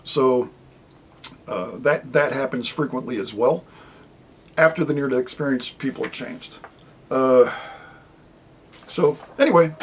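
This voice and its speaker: A man's voice: mid-range voice, a little hiss or hum, rough recording. A man, an author, talking about his book in a casual, rambling monologue to camera and acting out the people he quotes.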